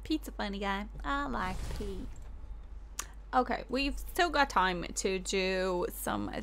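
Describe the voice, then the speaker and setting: A young woman giving casual, low-key let's-play commentary on a video game. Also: lively intonation, slow pace, fairly bright tone, slight background noise. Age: young adult. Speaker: gaming streamer. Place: indoor room at home. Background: faint game music.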